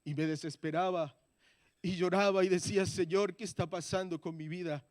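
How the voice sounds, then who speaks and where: High-voiced man preaching, hushed to shouting. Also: fairly even intonation, moderate pace, no room sound, clean studio sound. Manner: swings from hushed prayer to shouted, impassioned pleas. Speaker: preacher giving testimony. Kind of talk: sermon testimony. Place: church.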